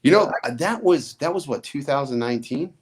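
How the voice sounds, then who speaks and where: A man's voice: mid-range voice, expressive, fairly quick. A man in casual livestream chat, teasing the others with crude banter.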